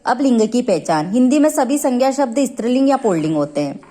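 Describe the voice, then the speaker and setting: A woman teacher with an Indian accent slowly explaining a grammar lesson from a textbook, stretching out the example words. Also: a little high, big pitch swings, dark tone. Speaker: school teacher.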